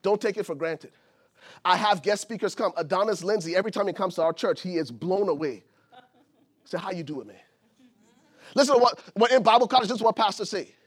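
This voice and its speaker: A pastor from Liberia preaching a sermon, building to shouted emphasis. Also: male voice, sits high, lively intonation, fairly quick, husky. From Liberia, West Africa.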